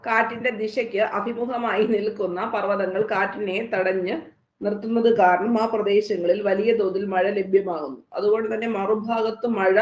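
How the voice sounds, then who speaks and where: A woman teacher with a Malayali accent runs through exam answers, chatty and quick, stopping to quiz her students. Her voice has an ordinary middle pitch and sits in a roomy space. The sound is dull, like a lo-fi online class. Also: darkish tone. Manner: quick, conversational, quizzing students.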